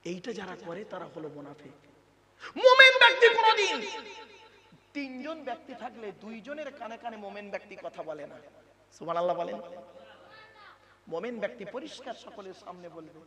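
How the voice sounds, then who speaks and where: A male preacher delivering a sermon at a religious gathering, dramatic and swinging between loud calls and hushed asides, often asking the crowd rhetorical questions. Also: sits high, animated, a little fast. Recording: long reverb with crowd noise. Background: audience murmur.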